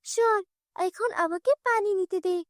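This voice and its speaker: A haughty headman's wife in a cartoon, bossy and scornful toward the poorer women as a woman voices her. Her voice is very high and sharp with contempt. The recording is dry and close. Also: unhurried, dry recording. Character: arrogant village headman's young wife.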